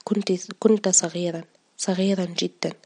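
A woman's voice: fairly low pitch, steady tone, brisk, a little mellow, breathy edge, no echo. A woman voicing a grieving, remorseful middle-aged father who speaks in a choked, partly whispered voice.

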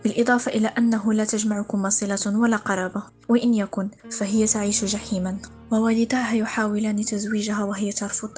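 A woman's voice: medium pitch, little pitch movement, fast talker, darkish tone, faint music behind, natural voice. A woman voicing a firm, remorseful older headmistress in a read-aloud story, speaking insistently. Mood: firm, apologetic.

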